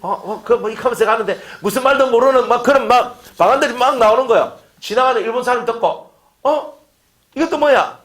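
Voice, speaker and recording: A man's voice: very high voice, fast talker, fairly bright tone. A man preaching a sermon, firing off rhetorical questions and acting out quotes. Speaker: pastor. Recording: echoey room.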